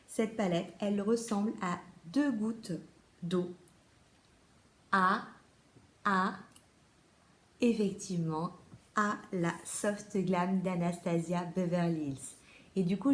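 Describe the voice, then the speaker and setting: A woman's voice: mid-range voice, echoey room. A French-accented woman chatting casually through a beauty haul as a vlogger, with many fillers and restarts.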